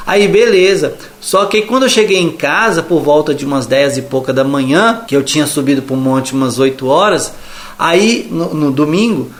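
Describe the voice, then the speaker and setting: High-voiced Brazilian man telling a testimony. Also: normal speed. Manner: chatty retelling, acting out the dialogue. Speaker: evangelical believer giving testimony. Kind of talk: testimony storytelling.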